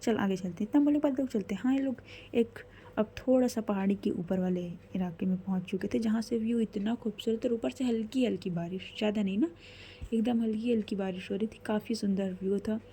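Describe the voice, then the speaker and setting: Mellow-voiced woman storyteller. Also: mid-range voice, a little fast, a little hiss or hum. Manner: conversational, self-correcting. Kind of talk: casual story narration.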